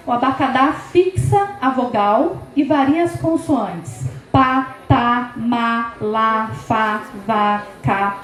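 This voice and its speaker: A woman's voice: high-pitched, a little mellow, echoey room, low-quality recording. A woman with a Brazilian Portuguese accent giving a lecture to teachers, asking rhetorical questions and sounding out syllables as she explains. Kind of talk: education lecture.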